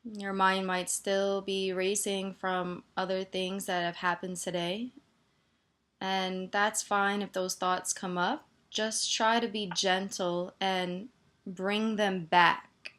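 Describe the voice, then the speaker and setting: Here a meditation teacher, a woman with a mid-range voice, walks listeners through a body scan. Her delivery is flat but soothing and gentle, and she leaves gaps between her instructions.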